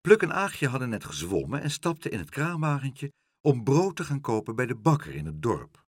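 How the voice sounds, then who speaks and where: A man reading a children's storybook aloud in a very expressive, sing-song way. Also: medium pitch, moderate pace, husky, dry recording, clean studio sound. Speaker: narrator.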